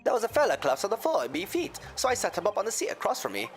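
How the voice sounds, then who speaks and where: A man's voice: high voice, huge pitch swings, rapid-fire, faint music behind, pitched above the performer's own voice. A man voicing a folksy, genial Irish moneylender in a courtroom game, with an Irish accent and a theatrical lilt. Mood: dramatic storytelling. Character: folksy, smooth-talking Irish moneylender, genial male witness. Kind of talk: voiced reading of game dialogue.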